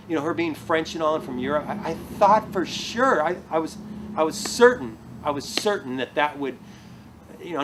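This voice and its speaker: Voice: mid-range voice, background noise, natural voice. A person playing an office manager who leads a tour in a mockumentary comedy, talking hesitantly with many fillers and restarts.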